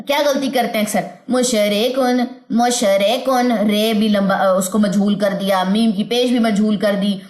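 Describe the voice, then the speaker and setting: A woman teaching recitation in a fairly high voice, patient and methodical. She stretches each sound out slowly and repeats it for her students. The room around her is echoey. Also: a little mellow. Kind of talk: online tajweed lesson.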